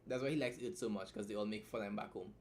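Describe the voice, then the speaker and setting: A man's voice: fairly low pitch, rapid-fire, a little mellow, slight background noise. A man live-streaming a critique of someone's story, talking bluntly with lots of swearing, rambling and restarting his sentences.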